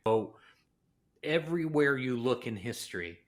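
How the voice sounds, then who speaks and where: A man from Los Angeles, a podcast guest, telling animated anecdotes and jumping into acted-out quotes. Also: mid-range voice, unhurried. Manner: lively storyteller who acts out quotes. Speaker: interview guest. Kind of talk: podcast interview.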